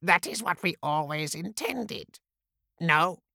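A man's voice: a little high, animated, takes it slowly, gravelly, sharp tone, dry recording, clean studio sound, pitched above the performer's own voice, exaggerated voice. A man voicing a scornful ancient two-headed daemon, Kairos. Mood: mocking menace. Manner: mocking, menacing, the heads bickering.

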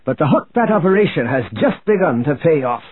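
A man voicing a calm, authoritative male military commander in an audiobook. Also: on the high side, brisk, very noisy, pitched above the performer's own voice. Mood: firm. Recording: tinny phone-like audio.

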